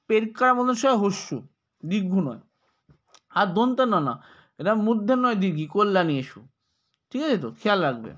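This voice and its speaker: A man with a Bengali accent teaching a spelling lesson, slowly spelling out words letter by letter and repeating the corrections. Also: high-pitched, a bit bright. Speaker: exam tutor.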